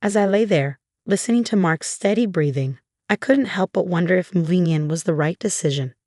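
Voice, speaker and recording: A woman narrating a first-person story in an even, measured way. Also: fairly low pitch, no room sound, clean studio sound.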